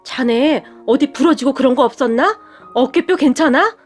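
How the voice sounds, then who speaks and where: A worried middle-aged mother, fretful and quick to fuss, as a woman puts her on with a high, rising voice. Soft music sits faintly behind this storybook telling. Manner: anxious, fretful.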